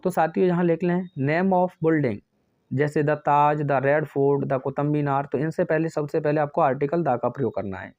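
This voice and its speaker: A man's voice: fairly high pitch, a little mellow, dry recording. Teacher quizzing his class, dull dry audio. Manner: asks questions and answers them himself, calls students friends; dictates English sentences very slowly. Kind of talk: classroom grammar lesson.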